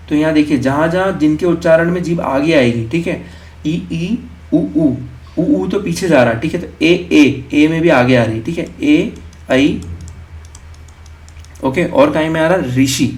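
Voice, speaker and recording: A young man with a slightly high voice teaches an exam-prep lesson patiently. He moves step by step, checking in often and asking questions before he answers them himself. When he demonstrates a vowel, he stretches the sound out slowly. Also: a little mellow. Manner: explains step by step, checking in with "ठीक है" and "okay".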